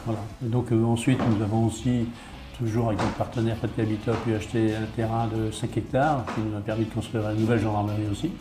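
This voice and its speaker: This man's pitch is fairly low and his tone level, and he speaks quickly against a noisy background. He is a town mayor being interviewed, laying out points plainly and frequently rewording what he says. Guitar music plays beneath a roomy, echoing sound.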